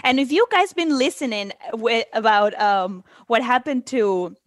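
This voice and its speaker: A woman, co-hosting a casual podcast, animated and joking. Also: on the high side, measured pace, no echo, studio quality. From Mexico. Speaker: podcast co-host. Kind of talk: casual chat.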